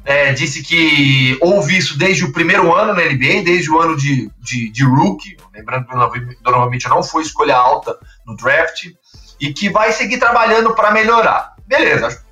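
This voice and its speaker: A man's voice: on the high side, bright, forceful tone, reverberant, distant mic. A man hosting a basketball podcast, explaining the news in a chatty way with many fillers. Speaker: podcast host.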